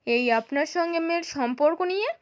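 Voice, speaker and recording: A woman's voice: very high voice, brisk, highs cut off, pitched above the performer's own voice. A woman voicing a harsh female in-law who speaks in a scornful, threatening way.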